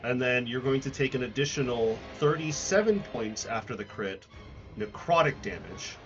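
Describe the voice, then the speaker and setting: A man narrating a tabletop role-playing game as game master, describing scenes deliberately with dramatic pauses. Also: mid-range voice, lively intonation, dull audio, soft background music.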